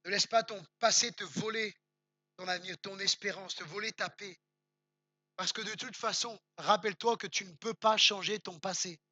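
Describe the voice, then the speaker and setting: A man's voice: sits high, steady tone, moderate pace, bright, forceful tone, no room sound. A French man preaching a sermon as pastor, emphatic, repeating words for stress and speaking straight to the congregation with chatty asides. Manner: conversational asides, addresses the congregation directly.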